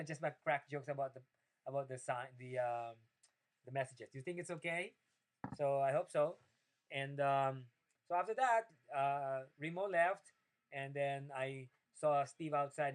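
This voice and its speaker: A man's voice: normal speed, low-quality recording. A man from the Philippines, speaking English as a second language, recounting his day in a rambling video diary with many fillers and restarts. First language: Tagalog. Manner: rambling, many fillers and restarts, rises in pitch when opinionated. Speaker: video diarist. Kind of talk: casual personal video diary.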